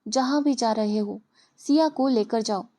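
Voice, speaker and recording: A woman voicing a calm, firm middle-aged mother. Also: on the high side, unhurried, lightly acted.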